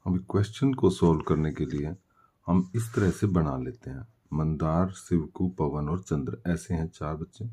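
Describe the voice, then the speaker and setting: A man works through a maths solution step by step, posing questions and answering them himself as he explains. His voice is a rumbling low, dark and husky, and he speaks a little slowly.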